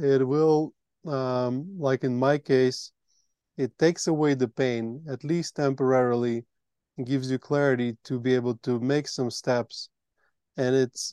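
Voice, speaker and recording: A man's voice: medium pitch, warm tone, clean tone, dry recording. A man hosting a retreat, explaining earnestly in a conversational interview. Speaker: retreat host.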